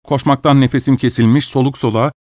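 A man's voice: mid-range voice, steady tone, fast talker, a little mellow, dry recording. Man reading a story, dry sound. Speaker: narrator. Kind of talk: scripted audiobook narration.

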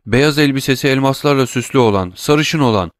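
A man's voice: mid-range voice, brisk, no room sound, studio quality, voice pushed up, natural voice. A man reading an audiobook, voicing an agitated, frightened male steward who breaks into repeated exclamations. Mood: alarmed. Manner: excited, exclaiming, broken repetitions.

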